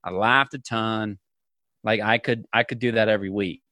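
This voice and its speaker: A man's voice: fairly low pitch, steady tone, moderate pace, pushed and bright, dry recording. A man co-hosting a podcast, chatting casually and teasing his friends playfully. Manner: playful teasing, mock hype-man delivery. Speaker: podcast co-host. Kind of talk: casual chat.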